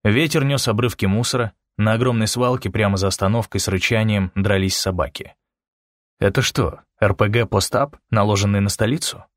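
A man narrating a story in a steady, expressive audiobook reading. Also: fairly low pitch, moderate pace, no echo, studio quality. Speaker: audiobook reader.

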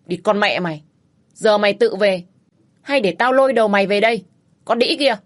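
A woman voicing a violent, cursing young husband who bullies and shouts at his wife in a spoken audio story. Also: sits low, lively intonation, fast talker, breathy edge, no room sound, exaggerated voice. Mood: shouting abuse. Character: violent, foul-mouthed abusive young husband.

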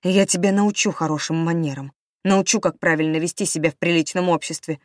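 A woman voicing an abusive young husband who shouts with contempt, in a dry audiobook reading. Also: on the low side, moderate pace, no room sound, lightly acted. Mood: raging.

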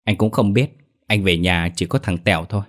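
A nervous henchman stammers out his answer, read by a man. His voice sits lowish. It plays like a horror audio story. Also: a little fast, a bit bright. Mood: flustered.

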